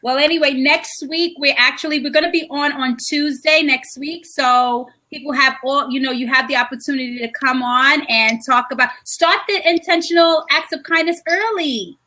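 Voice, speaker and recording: A woman from New York co-hosting a casual live video chat, talking in quick restarts while dealing with a shaky connection. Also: high voice, pushed and bright. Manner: chatty, restarts often, coping with connection trouble. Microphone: video call.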